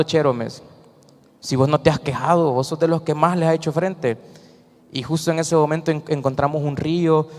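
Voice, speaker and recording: Salvadoran man, slightly high voice, earnest church testimony, reverberant hall. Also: darkish tone. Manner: earnest, storytelling with acted quotes. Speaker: church member giving testimony. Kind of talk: emotional personal testimony to a congregation.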